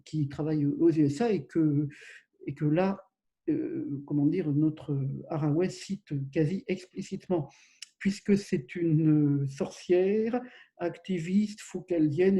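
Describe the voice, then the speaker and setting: A man lecturing on his own to camera, talking in loose, wandering sentences full of fillers and restarts. His voice sits high for a man, with a soft, very dark and mellow tone. It sounds like a casual solo video lesson. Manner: rambling, many fillers and self-corrections. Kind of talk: informal recorded lecture.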